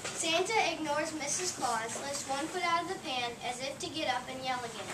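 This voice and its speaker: A woman's voice: sits high, normal speed, fairly bright tone. Woman reading stage directions, echoey room. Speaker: narrator. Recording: echoey room, distant mic, noise.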